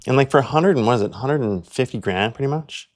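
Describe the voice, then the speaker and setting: A man's voice: medium pitch, expressive, quick pace. A young man from Canada hosting a casual real estate walkthrough, chatty and full of "like" fillers. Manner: chatty, filler-heavy, lots of "like". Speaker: real estate agent and video host.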